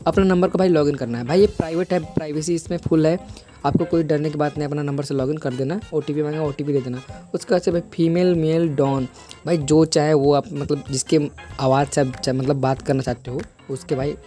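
A young man hosts a casual app tutorial voice-over for a tech video, his voice a little high and warm with fairly even intonation and a slightly fast pace. He repeats himself, treats the listener like a buddy and peppers his sentences with "bhai," while background music plays.

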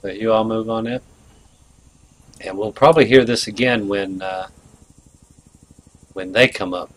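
A man giving casual, excitable commentary while playing a combat game, with sudden bursts of alarm. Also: on the low side, measured pace. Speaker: gameplay commentator. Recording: clicks and gunfire over voice. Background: game gunfire and clicks.

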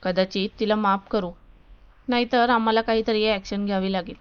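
A woman voicing a stern male college principal in a spoken storybook, scolding and commanding with clear, smooth tones. The sound is dull and a little lo-fi. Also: mid-range voice, fairly even intonation, normal speed, lightly acted. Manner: loud, scolding, authoritative.

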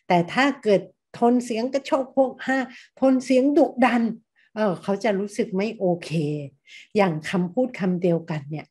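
A middle-aged woman lecturing a class at a steady pitch. She often stops to ask her listeners questions, and she acts out different tones of voice to make her points. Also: breathy edge. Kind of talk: university lecture.

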